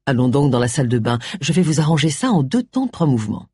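A reader voicing a self-assured, pushy man who talks in a low, offhand way. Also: big pitch swings, quick pace, a little mellow, breathy edge, no echo, studio quality. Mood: smooth. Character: smug, pushy man, a would-be seducer.

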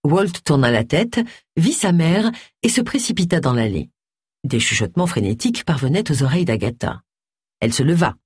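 A woman narrating an audiobook in an expressive, varied reading style. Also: lowish voice, husky, no room sound, clean studio sound.

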